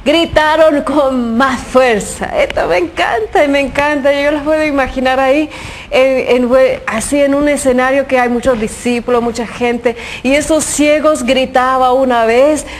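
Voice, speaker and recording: High-voiced woman giving a fervent gospel reflection. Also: fairly even intonation, measured pace, a little hiss or hum. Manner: earnest, fervent, many rhetorical questions. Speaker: religious speaker reflecting on the Gospel.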